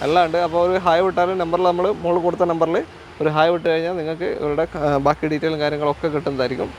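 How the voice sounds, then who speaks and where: High-pitched Malayalam-English car show host, man. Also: little pitch movement, very fast. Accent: Kerala Malayalam. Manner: repeats and confirms the other speaker's answers. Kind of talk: casual presenting and questioning. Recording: outdoor street noise, faint traffic.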